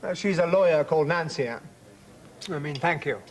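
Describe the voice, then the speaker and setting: An actor playing a contrite, self-pitying middle-aged ex-husband, earnest and apologetic. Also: male voice, a little high, measured pace, noisy background, natural voice.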